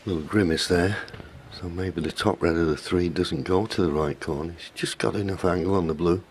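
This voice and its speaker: A man giving live snooker commentary in a hushed, measured delivery. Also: low voice, steady tone. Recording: clear crowd and hall noise. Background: snooker audience, ball clicks.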